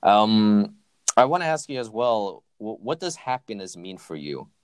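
A man's voice: fairly low pitch, sing-song, unhurried, clear, resonant tone, no echo. A man hosting an interview, encouraging and affirming his guest, with frequent backchannel replies. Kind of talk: interview conversation.

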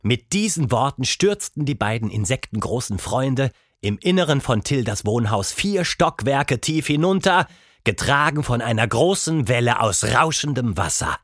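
A man narrating a children's audiobook in a lively, expressive reading style. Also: medium pitch, moderate pace, no room sound, studio quality. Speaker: storyteller.

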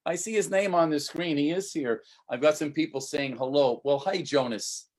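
A man with a fairly high voice, a darkish tone, and normal speed hosts a casual livestream interview. Keen and chatty, he often repeats his words and keeps calling his guest "man."

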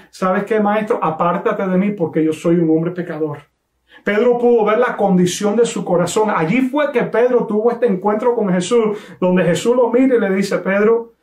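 A man preaching a sermon, telling a story with emphatic, slowly stressed phrases. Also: high voice, echoey room. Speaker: pastor.

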